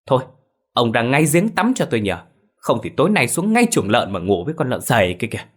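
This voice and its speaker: A man voicing a sharp-tongued village wife who mocks and nags her husband, in a spoken ghost story. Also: sing-song, a little fast. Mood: scolding. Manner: shrill, mocking, nagging.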